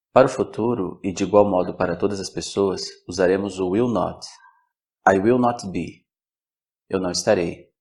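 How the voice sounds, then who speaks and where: Slow, low-voiced male English teacher. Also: a little mellow. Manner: slow, measured explanation with example sentences. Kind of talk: scripted language lesson.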